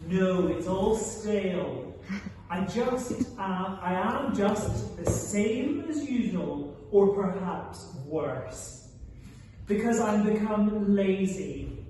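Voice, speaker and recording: A bitter, idle country gentleman from a stage play, read from a script by a man, speaks in a soft-edged, high male voice. He is sardonic and theatrical and drags his phrases out. The sound is distant, in a very echoey hall. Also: animated, extremely slow, exaggerated voice. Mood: bitter, scornful. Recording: echoey hall from far off, faint noise.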